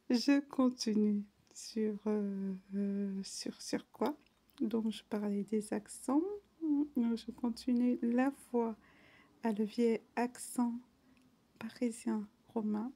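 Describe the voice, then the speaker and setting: A woman reads dictionary entries aloud in a slow, unhurried way, often slipping into an unvoiced whisper. Her voice sits a little high. The tone is dark and mellow.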